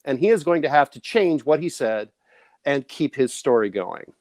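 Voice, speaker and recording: A man's voice: medium pitch, animated, normal speed, a little mellow, no echo. Upbeat man hosting a live improv show. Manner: upbeat, playful announcer. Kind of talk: hosting game instructions. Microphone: video call.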